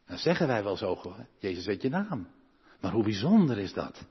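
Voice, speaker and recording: A male pastor preaching a sermon, swinging between loud emphatic calls and hushed asides, often asking his listeners questions. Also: lowish voice, very animated, moderate pace, husky. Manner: asks the congregation direct questions. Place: church. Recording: long church reverb, dull lo-fi sound.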